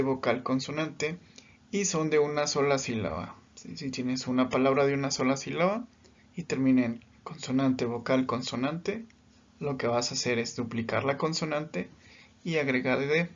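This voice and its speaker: A man gives a recorded grammar lesson, walking through each rule slowly and patiently. His voice sits at a middle pitch. The recording is dull and lo-fi. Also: steady tone. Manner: patient, explains step by step, often checks with "¿sí?". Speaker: English teacher.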